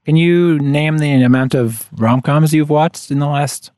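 A man's voice: on the high side, unhurried, a little mellow, dry recording, studio quality. A man co-hosting a podcast with casual, tongue-in-cheek banter, recorded outdoors in a backyard. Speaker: podcast co-host. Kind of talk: casual chat.

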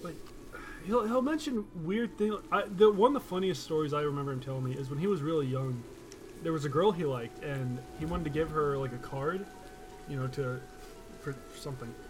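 A man's voice: fairly high pitch, brisk, music in the background. A young man telling a story in a casual chat. He rambles and restarts his sentences often.

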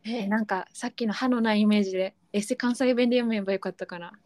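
A woman co-hosting a podcast in casual, playful chat, quick to laugh. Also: mid-range voice, steady tone, a little mellow, dry recording. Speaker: podcast co-host.

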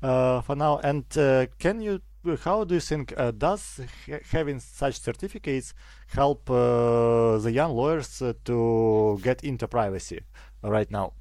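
A man's voice: mid-range voice, a little slow, darkish tone, dry recording. Hesitant male podcast host, dry sound. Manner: hesitant, many fillers and restarts. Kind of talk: interviewing a guest.

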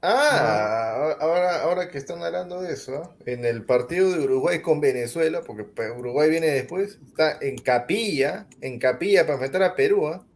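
A man's voice: fairly high pitch, animated, moderate pace, hardly any pauses. A man on a sports chat show, rattling off football lineups in casual talk.

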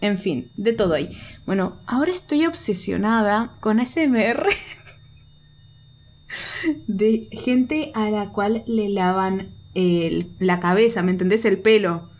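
A woman's voice: medium pitch, slow pace. A young woman with a Rioplatense Spanish accent, co-hosting a podcast in casual chat, laughing often. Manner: animated, laughing often, chatty. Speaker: podcast co-host.

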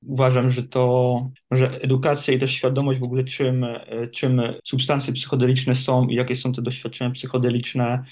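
A man in the role of an addiction therapist answers questions as a guest. He speaks in a steady, nearly monotone voice, and he thinks aloud with frequent hesitations. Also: mid-range voice. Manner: measured and reflective, many hesitation fillers. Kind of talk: interview guest.

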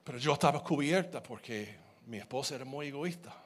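A man preaching, telling his own testimony as a story, animated and repeating words as he goes. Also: medium pitch, brisk.

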